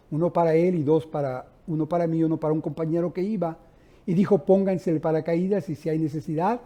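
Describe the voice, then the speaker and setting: A man preaching an evening church sermon, speaking with passion to the congregation as brethren, swelling and dropping in loudness as he tells stories. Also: a little high.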